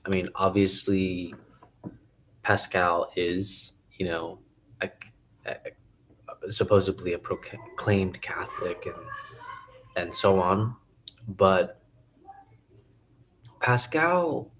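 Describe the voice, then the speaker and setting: A man musing casually to camera about philosophy, hesitant and thinking aloud with many pauses and restarts. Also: sits low, a bit bright, slight background noise. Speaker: video essayist.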